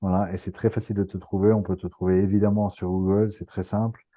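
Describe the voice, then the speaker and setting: A man's voice: low-pitched, little pitch movement, fast, mellow. A man interviewing a guest, speaking with frequent hesitations and fillers. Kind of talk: interview chat.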